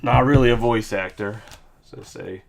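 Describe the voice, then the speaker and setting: Low, gravelly male host for a casual card-break stream; loose and joking. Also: moderate pace, background noise. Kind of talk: casual live-stream recap.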